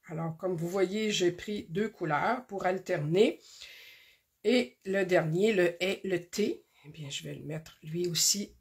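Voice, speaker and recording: A woman walks viewers through a craft project at an unhurried pace. Her voice sits a little low, and she fills the gaps with small hesitations as she works. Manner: slow, careful, talks through each step with many fillers. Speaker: card-making tutorial host. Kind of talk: casual craft demonstration.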